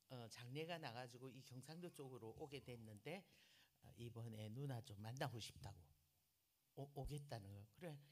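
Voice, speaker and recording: A middle-aged woman pastor with a Gyeongsang accent, telling a story in a sermon. She is animated and swings from loud remarks to near-whispered asides. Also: extremely low pitch. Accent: Gyeongsang Korean.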